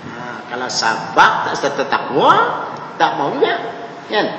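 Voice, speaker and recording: A man's voice: fairly high pitch, takes it slowly, dull audio, background noise. A man with a Northern Malaysian Malay accent, giving a mosque lecture and often asking "ha, kan?" to his listeners. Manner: animated, rhetorical questions with frequent "ha, kan?". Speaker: religious teacher. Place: mosque hall. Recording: echoey hall with faint ambience.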